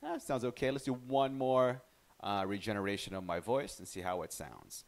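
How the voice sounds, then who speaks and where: A man hosting a casual software tutorial, chatty and relaxed, often restarting his sentences. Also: lowish voice, moderate pace. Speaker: tutorial host.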